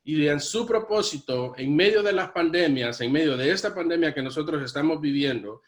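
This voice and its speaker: A man's voice: on the high side, normal speed. A man preaching a sermon as pastor, earnest, repeatedly addressing his congregation as brothers. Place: church.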